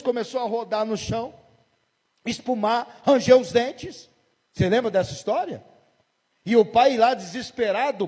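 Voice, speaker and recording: This is a São Paulo-state man in his forties, a pastor delivering a forceful sermon and posing rhetorical questions to the congregation with a Brazilian Portuguese accent. His pitch is extremely high yet the tone is dark, and the sound rings out with a long reverb.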